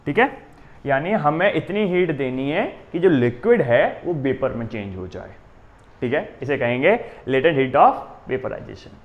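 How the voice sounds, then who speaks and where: A man's voice: medium pitch, big pitch swings, narrow, tinny audio. Indian man teaching physics at a board. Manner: dictates definitions slowly word by word, checks in with "है ना?". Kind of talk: exam coaching lecture at a board.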